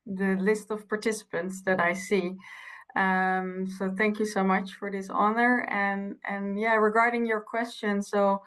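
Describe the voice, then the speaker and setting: A woman from the Netherlands speaking as a panelist over a video call. Her voice sits at an ordinary middle pitch. She talks in an open, personal way with a few hesitations. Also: poor audio. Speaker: panelist, researcher. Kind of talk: personal spoken reflection.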